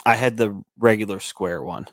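A young man on a podcast making brief, low-key remarks in casual chat. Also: steady tone, moderate pace, dry recording, studio quality. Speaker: podcast co-host.

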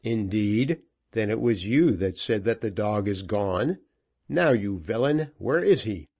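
A man voicing a vengeful, ill-tempered ship's officer who scolds in curt, sharp phrases. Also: lowish voice, animated, unhurried. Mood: scolding.

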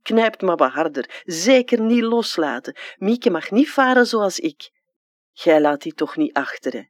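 A performer reading a dead orphaned man who speaks in a Flemish accent, childlike and wistful, with a jumping pitch. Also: sing-song, unhurried, no echo, studio quality. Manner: childlike, jumping pitch, plain dialect talk. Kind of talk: dramatic literary reading.

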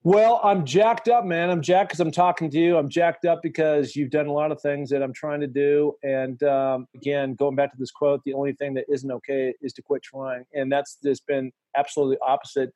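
A man's voice: fairly high pitch, steady tone, moderate pace, few pauses, warm tone, dry recording. A middle-aged man hosting his podcast from a home studio, upbeat and enthusiastic, often restarting his sentences. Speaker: podcast host. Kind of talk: casual podcast talk.

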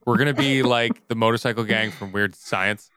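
A man's voice: medium pitch, moderate pace, sharp tone, slight background noise. A man co-hosting a podcast in casual chat, joking and laughing often. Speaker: podcast co-host.

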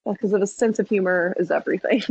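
A woman's voice: mid-range voice, fast, darkish tone, slightly rough, dry recording, highs cut off. A young woman co-hosting a chat podcast while sick with a fever, laughing a lot and talking bluntly about her kids. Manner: giggly, candid and crude. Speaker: podcast co-host. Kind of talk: casual chat.

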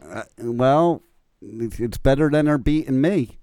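A man's voice: mid-range voice, measured pace, warm tone, no room sound. A man co-hosting a radio show, teasing his co-hosts with crude jokes and blunt opinions. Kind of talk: crude banter on morning radio.

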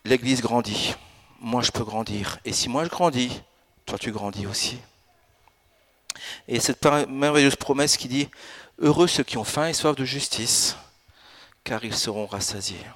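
A pastor in his fifties preaching a sermon in a church, with an animated delivery that rises into emphatic bursts. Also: medium pitch, a little slow, long pauses. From France and Italy. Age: 50s. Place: church in Alsace.

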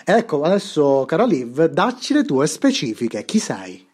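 A man hosting a casual podcast, talking with a rough voice and rambling through many fillers and restarts. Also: fairly high pitch, wildly swooping pitch, a little slow, a little mellow. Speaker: podcast host.

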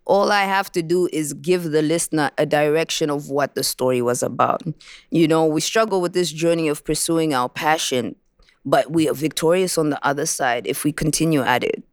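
A woman recording artist from Botswana, telling in an interview, in a reflective and animated way, how she wrote a song. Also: low-pitched, normal speed, no room sound, studio quality. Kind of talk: interview about making a song.

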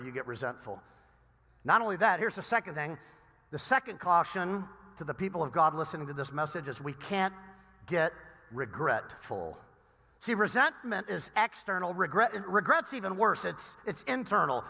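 A man preaching a sermon as pastor, animated, swinging between loud emphasis and near-whispers. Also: on the high side, a little fast, vocal fry, in a large hall.

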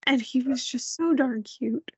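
A woman co-hosting a podcast, chatting casually and telling animated stories. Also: sits high, a little slow, breathy edge, dry recording. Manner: animated storytelling, acts out quoted voices. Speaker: podcast co-host. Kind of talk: casual chat. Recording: dull lo-fi sound.

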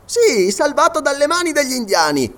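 A man reading aloud and voicing an excitable middle-aged army sergeant who answers in emphatic, insistent bursts. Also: extremely high pitch, moderate pace, pitched above the performer's own voice, heavily acted.

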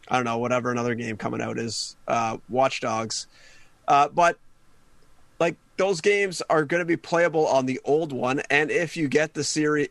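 A man's voice: fairly high pitch, a bit bright, dry recording. A man co-hosting a gaming podcast, laid-back and opinionated, laughing easily. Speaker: podcast co-host. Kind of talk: casual chat.

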